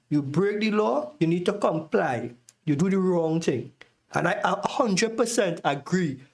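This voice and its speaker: A man with a high-pitched voice gives spoken reaction commentary. He is emphatic, leans on repetition and likes to pose rhetorical questions. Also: a little mellow. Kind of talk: spoken commentary on police bodycam footage.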